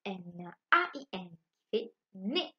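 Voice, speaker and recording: A woman teaching a phonics lesson to young children from home. She spells out letters slowly and keeps asking the class if they follow. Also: mid-range voice, very animated, muffled recording. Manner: slow, spelling out letters and asking checking questions. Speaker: primary school teacher.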